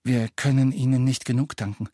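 A man's voice: medium pitch, steady tone, fairly quick, mellow, no echo, studio quality, pitched above the performer's own voice, close to an everyday voice. A man voicing an earnest young male wizard who speaks in a subdued, sincere way.

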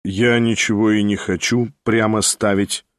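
A detached, icy nobleman, played by a male reader speaks in a lowered, restrained voice. His replies are short and unhurried. The sound is close and dry. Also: flat delivery, no echo, natural voice. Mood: cold, curt. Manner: cold, restrained, curt. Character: cold, calm, aloof young nobleman.

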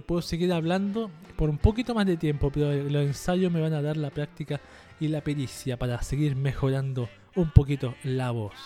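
A man's voice: a little high, warm tone. A man hosting a casual podcast monologue, joking and rambling, using a lighter voice than before. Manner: jokey, rambling, self-mocking. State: trying a lighter, less forced voice. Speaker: podcast host.

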